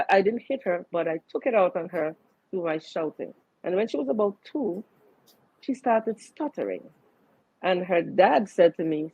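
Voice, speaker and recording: Reflective woman, husky and mellow, dry lo-fi audio, casual panel chat. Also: lowish voice, no room sound. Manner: reflective, frequent "mm-hmm" backchannels. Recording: dull lo-fi audio.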